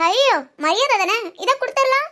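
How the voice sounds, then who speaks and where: A woman playing a very high-voiced sulking young wife. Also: animated, fairly quick, exaggerated voice. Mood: scolding. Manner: sharp scolding, then soft musing alone. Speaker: actress in a village family skit. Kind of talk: comic family drama acting.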